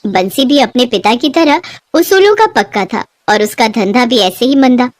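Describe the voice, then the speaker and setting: A woman narrating a children's moral story in clear, expressive storytelling. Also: on the high side, moderate pace, no room sound.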